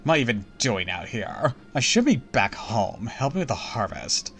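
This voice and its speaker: A man's voice: medium pitch, very animated, normal speed, creaky, a bit bright, soft background music. A man voicing a haughty young fairy princess from a game, with a cocky, bossy Valley Girl delivery. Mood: indignant. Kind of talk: playful game dialogue read-aloud.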